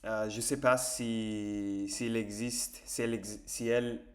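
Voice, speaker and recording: A native English speaker with an English accent practises his French for a language-learning vlog, talking slowly in a lowish voice with little pitch movement. He sounds casual and hesitant, relying on many fillers and correcting himself as he gropes for words.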